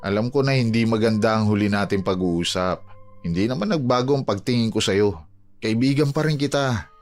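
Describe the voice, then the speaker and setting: A man's voice: lowish voice, a little fast, close to an everyday voice. A man playing an earnest worried friend. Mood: concerned. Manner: earnest, pleading, plain-spoken. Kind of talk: audio drama acting. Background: music.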